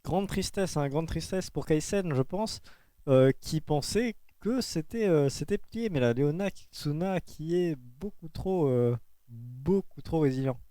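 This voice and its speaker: A man's voice: on the high side, lively intonation, measured pace, mellow, dry recording. A man giving live esports caster analysis, repeating phrases as he searches for words.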